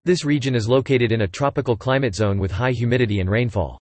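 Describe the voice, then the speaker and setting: A man with a middle-pitched voice reads English example sentences in quick succession for listening practice, evenly and without flourish. The scripted reading is clipped and fast, and the audio is completely dry, with no room sound.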